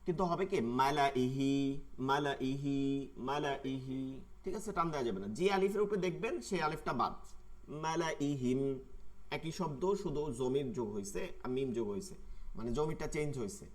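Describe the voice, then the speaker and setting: A man's voice: on the high side, expressive. Man teaching Quran reading. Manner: explains patiently, repeats words slowly to demonstrate pronunciation. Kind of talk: online tajweed class explanation.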